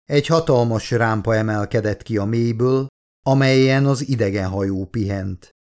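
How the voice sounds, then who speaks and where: A man reading his own book aloud as an audiobook narrator, steady and dramatic. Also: on the low side.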